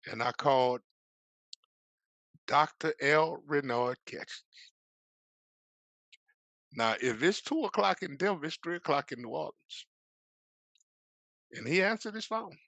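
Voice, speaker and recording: A middle-aged man, a preacher appearing as a guest, telling a personal story with lively energy and moving into a preaching cadence. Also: a little high, measured pace, creaky, long pauses, no room sound. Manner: lively, acts out the voices in his stories.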